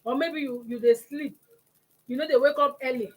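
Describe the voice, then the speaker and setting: A woman's voice: high voice, moderate pace. A woman with a Nigerian accent hosting a conversational talk, acting out examples as she explains. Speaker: talk show host.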